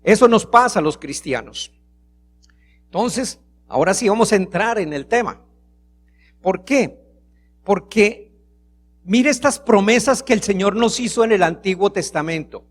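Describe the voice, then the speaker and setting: A man's voice: high voice, animated, measured pace, pauses often. A man preaching a sermon to a congregation, reading scripture aloud and acting out a small example from family life. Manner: preaching, acts out a child's pleading voice. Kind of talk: sermon with prayer.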